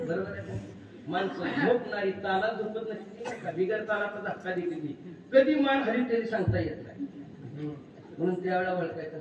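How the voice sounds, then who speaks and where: Marathi kirtan guy, high voice, jokey stories then loud bursts, far away echoey pavilion, kinda muffled and noisy. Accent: Marathi rural Maharashtra. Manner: humorous storytelling with sudden loud exclamations. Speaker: kirtan preacher. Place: large pavilion at a kirtan gathering. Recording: far-off echoey hall mic, slightly dull, noisy.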